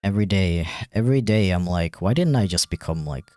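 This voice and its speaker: A man's voice: low voice, lively intonation, a little fast, darkish tone, no room sound. A man streaming while he animates, chatting casually and rambling with a self-deprecating tone and lots of fillers. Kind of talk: casual livestream chat.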